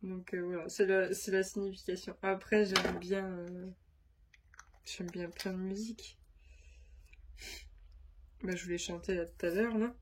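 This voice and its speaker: A crafts vlogger chats casually to the camera, her fairly low voice sounding nasal from a stuffy nose. She speaks in a level tone, a little slowly, rambling with many fillers and long pauses over background noise.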